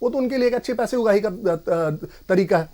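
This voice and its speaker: Brief: high-pitched male party spokesperson, forceful TV-debate arguer. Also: fairly quick. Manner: forceful, insistent, refuses interruption. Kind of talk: TV debate argument.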